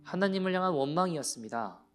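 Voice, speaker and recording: A pastor giving a Sunday sermon in a church, telling a story with feeling and dropping to soft near-whispers. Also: male voice, a little high, expressive, fast, faint music behind. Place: church sanctuary.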